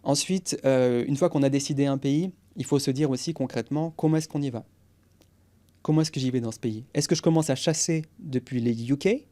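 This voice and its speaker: A man's voice: mid-range voice, a little fast, warm tone. A man in his forties, a guest on a podcast interview, explaining go-to-market strategy with energy and English business jargon.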